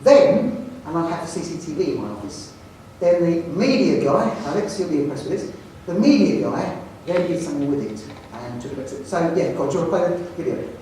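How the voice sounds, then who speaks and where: Male headteacher with a London accent, animated anecdotal speaker; distant mic in a reverberant hall. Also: fairly high pitch, a little fast, hardly any pauses, a little hiss or hum. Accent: London English. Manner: jokey storyteller, animated, self-mocking. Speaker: headteacher giving a talk. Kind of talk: anecdotal presentation to an audience. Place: large hall with audience.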